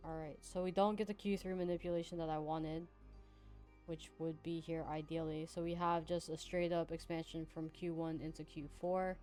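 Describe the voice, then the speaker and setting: Low-voiced chatty woman. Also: flat delivery, moderate pace, dark tone, faint music behind. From United States (Hawaii and Virginia). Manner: chatty, laughing, reads out viewer chat. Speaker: trading streamer. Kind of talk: casual live backtesting commentary.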